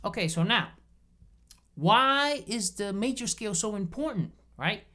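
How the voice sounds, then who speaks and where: A man teaching bass guitar in a casual video lesson, explaining patiently step by step and checking in often. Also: lively intonation, a little slow, pushed and bright. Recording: bass guitar playing between phrases.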